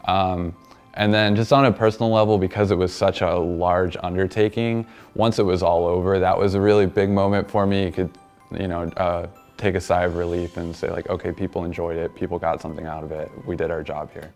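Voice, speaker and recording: A man's voice: low-pitched, level tone, brisk, darkish tone, soft background music. A man who organizes events, recalling his experience in a casual interview.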